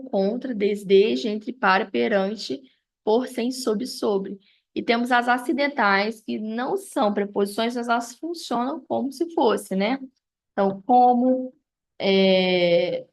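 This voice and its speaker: A woman, reviewing grammar as a teacher and listing examples one after another with frequent tag questions. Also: on the high side. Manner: explanatory, lists examples, frequent "né?" and "tá?".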